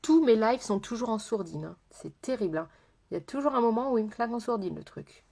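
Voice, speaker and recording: A chatty woman hosts a live makeup stream, talking to her viewers as she works. She greets them by name, repeats her phrases, and at times slows down into a soft, almost hypnotic murmur. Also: fairly high pitch, lively intonation, vocal fry. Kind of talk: casual live-stream chat while doing makeup.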